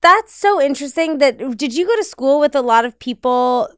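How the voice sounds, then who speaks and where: A woman's voice: high voice, animated, moderate pace, dry recording, clean studio sound. A woman hosting a podcast, reacting with enthusiastic interjections in casual chat. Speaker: podcast host.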